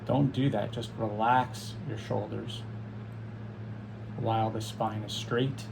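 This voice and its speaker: A male meditation teacher leads a guided session, giving calm, soothing, unhurried instructions with long pauses. His lowish voice has vocal fry, and there's background noise.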